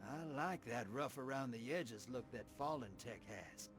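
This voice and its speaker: A scrappy, rough-edged gambler, played by a man drawls in a laid-back way, his pitch rising and falling freely. Game music plays clearly behind him. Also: animated, measured pace, lightly acted. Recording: game cutscene with music underneath.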